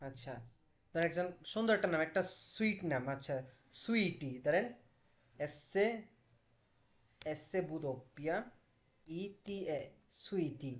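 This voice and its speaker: A man's voice: a little high, expressive. Man drilling verbs in a live class. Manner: explains slowly, drills verb forms aloud with rhetorical questions. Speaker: language teacher. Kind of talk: online language class.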